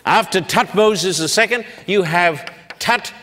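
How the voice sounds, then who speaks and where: A man giving a public Bible lecture at a blackboard, talking slowly and deliberately and sounding out long names syllable by syllable. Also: high voice, pushed and bright. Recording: long hall reverb.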